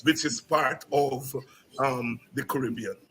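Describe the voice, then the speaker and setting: Speaking slowly at a medium pitch, this sixty-something lecturer from Guyana tells his stories with animation and a Guyanese accent, frequently doubling words when starting out. He's a guest looking back during an interview, with slight hiss or hum on the recording.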